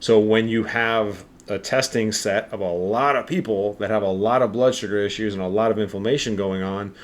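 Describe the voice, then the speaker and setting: A man's voice: fairly low pitch, steady tone, normal speed. A man co-hosting a health podcast, explaining in a rambling, casual way with lots of fillers. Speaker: podcast co-host.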